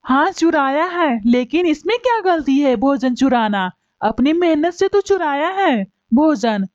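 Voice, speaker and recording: A woman's voice: high voice, lively intonation, unhurried, a little mellow, no room sound. A woman voicing a lazy, thieving male bird in a cartoon, grumbling and whiny. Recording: dull lo-fi recording.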